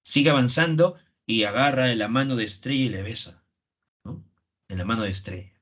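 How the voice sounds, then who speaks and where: A man's voice: medium pitch, a little fast, fairly bright tone. A man with a Peruvian Spanish accent, a literature teacher retelling a play for students and acting out its lines. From Peru. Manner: acts out quoted lines, tag questions. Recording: dull lo-fi recording.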